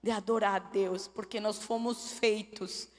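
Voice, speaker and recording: A woman's voice: medium pitch, fairly even intonation, a little slow. A woman telling her testimony in a church, making earnest, pleading appeals to the listener. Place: church hall. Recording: long church hall reverb.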